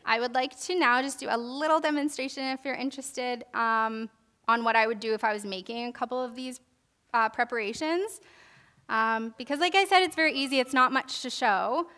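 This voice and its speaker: In a large church hall, a young female presenter leads a casual herbalism lesson from the stage, first reading notes and then demonstrating, full of fillers and restarts. She speaks fairly quickly in a slightly high voice with a sharp tone.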